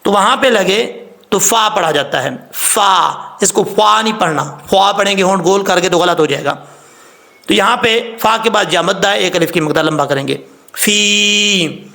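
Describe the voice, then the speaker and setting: A man teaching Quran recitation rules, patiently explaining step by step, spelling out sounds slowly and repeating rules about common mistakes. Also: sits high, vocal fry, pushed and bright. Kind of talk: tajweed lesson.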